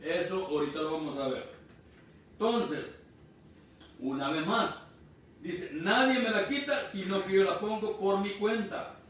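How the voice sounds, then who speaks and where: A man from Honduras preaching a sermon, explaining slowly and repeating key phrases. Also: high-pitched, fairly bright tone. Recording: distant mic in echoey room, faint noise.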